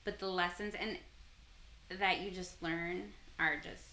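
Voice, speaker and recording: A woman in her thirties chats as an interview guest, her thoughts wandering and trailing off through lots of fillers. Her voice sits a little low yet sounds bright and forward. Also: fairly even intonation, measured pace, a little hiss or hum. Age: 30s. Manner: rambling, trailing off with many fillers. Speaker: hairstylist guest. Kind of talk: casual interview chat.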